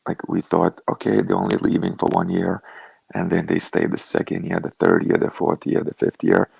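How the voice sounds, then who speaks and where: Low gravelly man, husky and dry. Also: moderate pace, dry recording. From Lithuania. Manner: relaxed storytelling, many "like" fillers. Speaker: guest, professional fighter. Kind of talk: casual interview over a video call.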